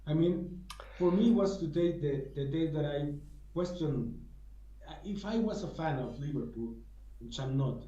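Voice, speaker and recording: A man's voice: a little high, animated, measured pace, warm tone, reverberant, muffled recording. A man on a football fan podcast, talking casually and hesitantly, repeating his words. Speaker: podcast panelist.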